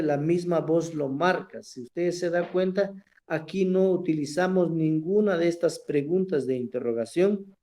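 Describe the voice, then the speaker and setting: A man teaching a language class online, explaining slowly and often checking in with his students. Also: on the high side, warm tone. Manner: slow, explanatory, asks "verdad?" often.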